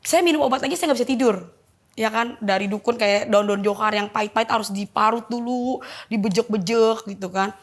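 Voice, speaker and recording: A woman's voice: fairly high pitch, brisk. A woman giving an emotional personal testimony in an interview, vividly retelling events and acting out the dialogue. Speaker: testimony guest.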